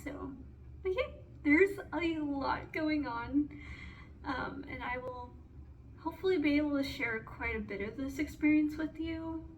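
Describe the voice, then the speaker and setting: A young woman in her twenties talks to her camera in a relaxed, candid diary vlog about student life. Her voice sits a little high, and she fills her pauses with "um" and "like". A faint hum of noise runs under the recording. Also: muffled recording. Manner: chatty and candid, with frequent "um" and "like". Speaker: veterinary student vlogger.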